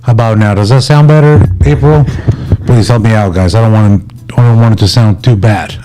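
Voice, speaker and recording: Over a noisy background, a man with a lowish voice speaks at a normal pace while hosting a livestream. He's easygoing and informal, treating his viewers as buddies.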